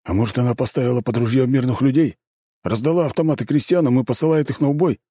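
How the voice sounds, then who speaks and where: A man's voice: medium pitch, fast talker, mellow, dry recording, clean studio sound, voice pushed up, natural voice. A man voicing a cold pragmatic general.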